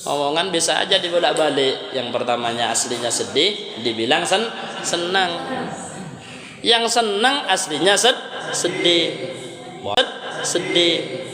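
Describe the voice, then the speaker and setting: A man's voice: fairly high pitch, animated, slow, long pauses, crowd noise. A male preacher, giving a chatty, story-filled Ramadan sermon on Quran commentary with Arabic verses mixed in. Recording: echoey hall reverb.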